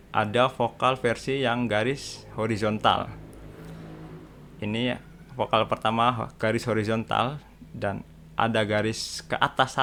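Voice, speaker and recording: A young man teaching beginners to read letters, explaining slowly and patiently and repeating each sound for practice. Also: mid-range voice, fairly bright tone, a little hiss or hum. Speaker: Korean language teacher. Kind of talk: beginner lesson on reading letters.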